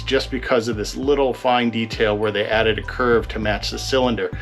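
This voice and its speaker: A man's voice: mid-range voice, a bit bright. A man giving a casual hands-on review of diving equipment, explaining it as a gear reviewer. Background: guitar music.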